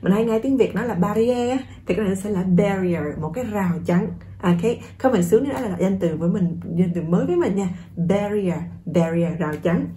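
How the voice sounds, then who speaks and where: A woman from Vietnam teaching English through a song, repeating words slowly and coaxing learners to say them with her. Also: medium pitch, expressive, dark tone, a little hiss or hum. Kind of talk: song-based pronunciation lesson.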